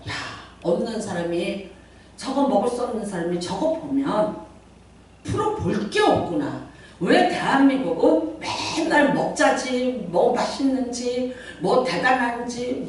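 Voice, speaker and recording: A woman's voice: fairly high pitch, a little mellow. A middle-aged woman pastor preaching a Sunday sermon in a conversational, storytelling way, with playful asides and acted-out quotes. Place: church sanctuary. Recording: very echoey hall, mic far off.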